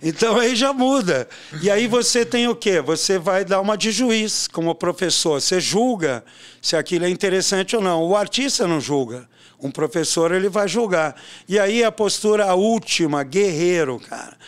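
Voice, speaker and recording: Older man with a high, smooth voice. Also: normal speed. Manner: animated storyteller, peppers talk with tag questions. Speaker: swimming coach and educator. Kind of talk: casual interview talk.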